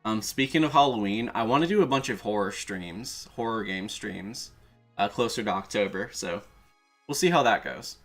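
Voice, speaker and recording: Speaking at normal speed with an animated delivery, a streamer and video creator with a low-ish, fairly bright voice chats casually on a livestream. He comes across as a keen fan who curses occasionally, and background music plays throughout.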